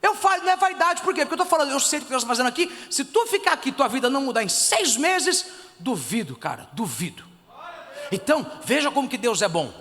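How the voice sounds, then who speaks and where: A Brazilian pastor preaching a sermon, swinging between loud exhortation and soft, intimate asides. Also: male voice, very high-pitched, big pitch swings, fast talker, long reverb tail. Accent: Brazilian Portuguese. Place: church hall.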